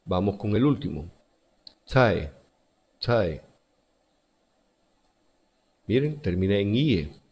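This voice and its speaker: A man's voice: fairly low pitch, big pitch swings, slow pace, long pauses, a little mellow, breathy edge. A male teacher giving a recorded grammar lesson to schoolchildren, repeating each example word and rule. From Central America.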